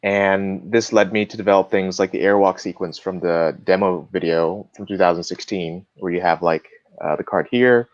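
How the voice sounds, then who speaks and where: Speaking at a moderate pace in a low voice, a man appears as a guest cardist in a laid-back live-stream chat. He explains things easily, with lots of fillers, and the recording is dry, dull and lo-fi.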